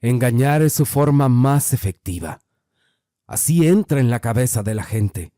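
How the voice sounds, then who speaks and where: A man voicing an older rural mountain man, grave and wary, speaking slowly and low. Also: expressive, dark tone, dry recording, clean studio sound, natural voice. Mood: grave warning.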